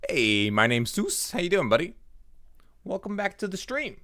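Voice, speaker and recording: Animated male streamer on a dry headset mic. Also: high-pitched, normal speed, no room sound. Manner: chatty, reacts aloud while playing, talks to chat. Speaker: livestreamer and card game player. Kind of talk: live gameplay commentary.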